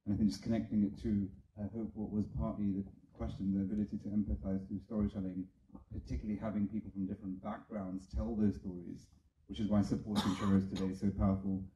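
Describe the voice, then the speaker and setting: Man moderating with a dark, mellow voice. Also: fairly low pitch, level tone, quick pace, muffled recording, slight background noise. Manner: upbeat, joking asides. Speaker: panel moderator. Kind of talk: hosting an audience Q&A. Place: screening venue. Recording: echoey room.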